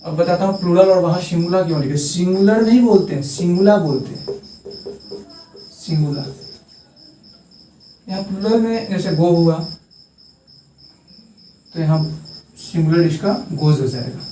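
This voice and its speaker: A man's voice: high voice, animated, dark tone, a little hiss or hum. Young male tutor, echoey room. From India. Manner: repeats terms slowly and stresses their pronunciation. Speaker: English tutor. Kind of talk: classroom lesson at a board. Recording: echoey room, distant mic, faint crickets.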